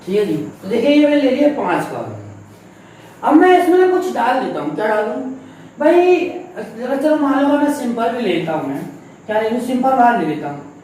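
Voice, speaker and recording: A man's voice: very high-pitched, big pitch swings, moderate pace, darkish tone. A male teacher giving a lesson in a conversational way, asking and answering his own questions and repeating the key points. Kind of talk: recorded classroom lesson. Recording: very echoey room, mic at a distance, faint noise.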